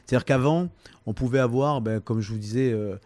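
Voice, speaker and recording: A man in his fifties with a Provençal accent, answering interview questions in a halting way, full of fillers and restarts. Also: mid-range voice, darkish tone, no echo. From southern France, Toulon. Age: 50s. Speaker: comedian, interview guest.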